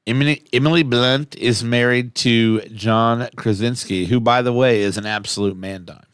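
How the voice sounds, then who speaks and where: A man's voice: mid-range voice, steady tone, moderate pace, fairly bright tone, smooth, no echo, studio quality. A man co-hosting a podcast in casual chat, rambling and swearing, with frequent restarts. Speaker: podcast co-host.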